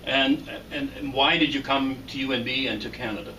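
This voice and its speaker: Male interviewer, measured delivery, bright edge, distant mic with faint background noise. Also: mid-range voice. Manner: measured, reads a prepared introduction. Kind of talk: formal introduction then interview.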